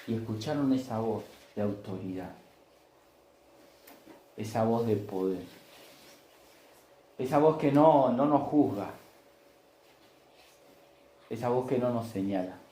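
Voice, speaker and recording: A man's voice: mid-range voice, takes it slowly, pauses often, warm tone, reverberant, a little hiss or hum, low-quality recording. A man preaching a Sunday sermon, telling stories in a conversational way and acting out the voices in them. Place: church.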